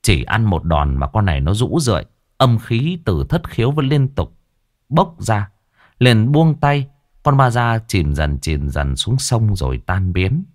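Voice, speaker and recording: Animated ghost story narrator. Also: male voice, on the low side, measured pace.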